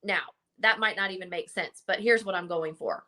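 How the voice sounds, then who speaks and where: A woman's voice: on the low side, normal speed, pushed and bright. A woman talking casually to her camera as a psychic wellness vlogger, rambling and chatty with lots of "like" and "right?". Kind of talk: casual unscripted monologue to camera. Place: indoors in front of a camera and ring light.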